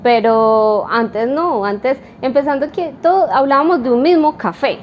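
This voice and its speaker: A woman's voice: high voice, measured pace. A woman, a coffee roaster answering interview questions in an explanatory way, with fillers and tag questions. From Colombia. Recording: dull lo-fi with light noise.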